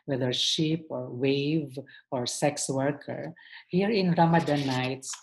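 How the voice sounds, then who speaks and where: A middle-aged man reads a formal scripted introduction as moderator, in a measured, scholarly manner over a video call. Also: mid-range voice, vocal fry, a little hiss or hum, poor audio. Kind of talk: formal scripted talk, read aloud. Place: lamp-lit room at home. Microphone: computer mic on video call.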